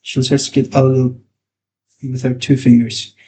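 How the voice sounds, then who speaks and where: A man's voice: medium pitch, flat delivery, moderate pace, warm tone, slight background noise, pitched below the performer's own voice, lightly acted. A man voicing a pompous older woman who teaches etiquette, prim and scolding, slipping in French phrases. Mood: instructive.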